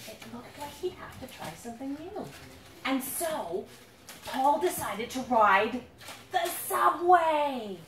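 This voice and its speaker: A children's author with a high voice reads her own picture book aloud, animated and swooping, playful and dramatic. She stretches words in dramatic build-ups and puts questions to a young listener, heard in a roomy, distant recording with faint surrounding noise.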